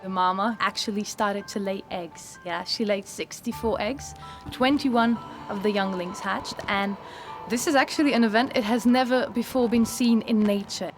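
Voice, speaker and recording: A woman's voice: mid-range voice, moderate pace. Woman interviewed as expert, music behind. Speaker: cave salamander expert. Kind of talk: documentary interview. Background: prominent background music.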